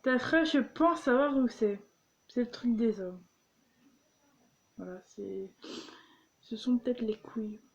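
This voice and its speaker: A woman's voice: fairly high pitch, slow, vocal fry, pauses often, muffled recording. A young woman reading jokes aloud and explaining them, giggling often and tripping over her words. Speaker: vlogger.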